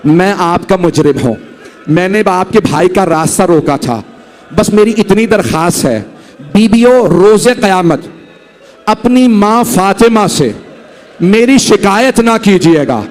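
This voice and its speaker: A remorseful warrior man, begging forgiveness in a slow, lowered, heavy voice, as a male preacher acts him out within a sermon. He sounds humbled and guilt-ridden, drawing each plea out. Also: expressive, darkish tone. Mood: pleading.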